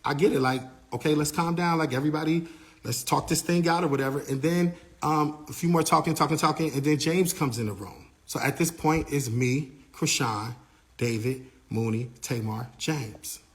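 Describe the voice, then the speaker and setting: A young adult man in casual storytelling, animated, repeating himself and acting out what others said. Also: on the high side, normal speed. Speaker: manager telling a story.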